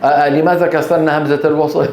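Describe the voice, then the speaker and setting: A man's voice: fairly high pitch, level tone, very fast, a crowd in the background. Man teaching in an echoey classroom. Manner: keeps prompting the class with short questions, stretches out recited words. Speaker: Quran recitation teacher. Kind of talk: classroom lesson with questions to students. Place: classroom, Grozny. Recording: echoey room, faint background hiss.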